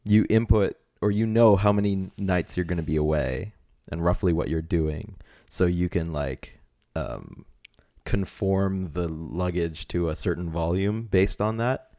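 A man with a low, gravelly voice co-hosts a casual comedy podcast. He rambles through his ideas with lots of fillers and keeps giggling. He is recorded on a dry, close mic. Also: measured pace, hardly any pauses, dark tone, no echo. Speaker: podcast co-host.

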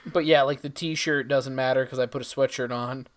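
A man's voice: medium pitch, fairly even intonation, moderate pace. A man co-hosting a podcast, chatting casually with dry, teasing comebacks. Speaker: podcast co-host. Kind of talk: casual chat.

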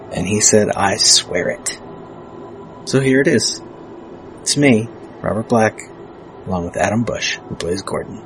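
A man hosting a podcast in casual chat, talking over a video call and laughing easily. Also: fairly low pitch. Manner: chatty, self-deprecating, laughs easily. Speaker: podcast host.

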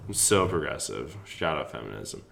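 A young man co-hosting a casual sports podcast, talking in an animated, rambling way and swearing freely. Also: extremely low pitch, moderate pace, creaky, slight background noise. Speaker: podcast co-host.

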